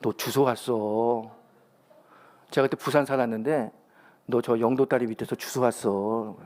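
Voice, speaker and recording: A man doing a hushed gossiping neighbor lady. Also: steady tone, unhurried, lightly acted. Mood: teasing. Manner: low, hushed confiding tone. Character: young neighbor woman, blunt gossip teasing a child.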